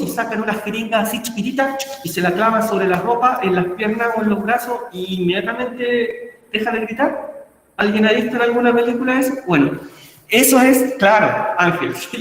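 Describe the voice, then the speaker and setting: Chilean male teacher, fairly high voice, very roomy long-reverb sound, checks in with the class constantly. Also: fairly bright tone. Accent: Chilean Spanish. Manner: checks in often with "¿ya?" and "¿cierto?", asks the class questions. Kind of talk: online class lecture. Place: class video call. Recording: very echoey room with long reverb.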